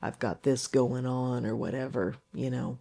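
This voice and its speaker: A woman's voice: very deep voice, normal speed, gravelly, warm tone. A woman co-hosting a podcast, chatting casually and reacting with frequent exclamations. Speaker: podcast co-host. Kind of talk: casual conversation.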